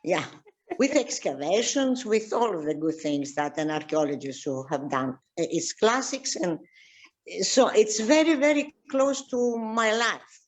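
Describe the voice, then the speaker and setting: An older woman from Egypt, a tour guide and archaeologist, chatting casually and slowly with many fillers and restarts. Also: medium pitch, animated. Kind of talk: casual video-call chat.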